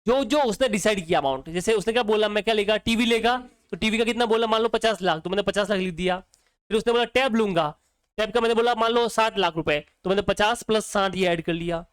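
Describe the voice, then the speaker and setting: A man's voice: high voice, fast talker, hardly any pauses, fairly bright tone, clear, resonant tone, dry recording. A male accounting teacher, lecturing casually and quizzing students with repeated questions. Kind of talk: exam-prep lecture.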